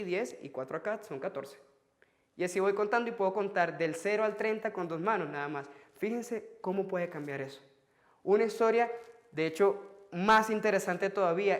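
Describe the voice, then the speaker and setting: A man teaching a French lesson on video, explaining lively to his students and counting out examples on his fingers. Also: high voice.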